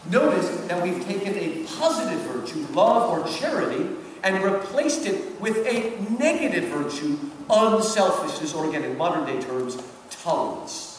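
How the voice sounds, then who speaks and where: In a large, reverberant hall at a public event, a man with a high-pitched, very animated voice lectures live at a moderate pace, offering literary commentary. He speaks emphatically and rhetorically, often checking in with his audience. The recording is noisy and echoey, captured from far off.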